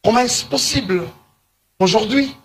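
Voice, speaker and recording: Man from Congo, higher-pitched, emphatic moralizing monologue to camera, drawn-out stresses. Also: fairly bright tone, slight background noise. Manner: preachy, emphatic, slows to stress points. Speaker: commentator.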